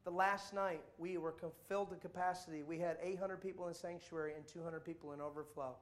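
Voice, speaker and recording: A man preaching to a congregation, telling travel stories in a jokey, animated way with playful mock voices. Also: fairly high pitch, brisk. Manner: jokey, does voices and mock accents in quotes. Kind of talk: animated sermon storytelling.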